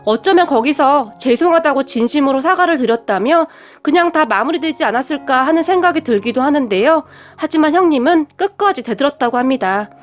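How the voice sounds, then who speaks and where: High-voiced woman storyteller. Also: lively intonation, a little fast, hardly any pauses. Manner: conversational, polite storytelling. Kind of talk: scripted narration.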